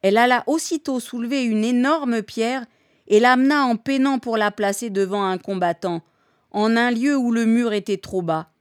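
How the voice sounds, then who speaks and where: A woman giving a steady, measured live reading of a novel. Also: fairly high pitch, no room sound, clean studio sound. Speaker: reader.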